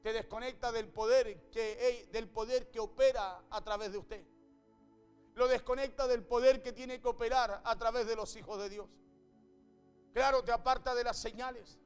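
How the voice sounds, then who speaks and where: A man preaching a sermon and reading scripture aloud. He speaks with fervor, repeats his phrases and breaks in with a quick "hey". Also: very high-pitched, clean tone.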